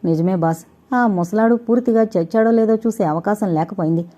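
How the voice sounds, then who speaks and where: A woman's voice: medium pitch, normal speed, mellow, lightly acted. A woman voicing a male terrorist hitman who earnestly vows to finish the job. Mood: contrite. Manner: vowing, earnest. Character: contrite male terrorist hitman begging another chance.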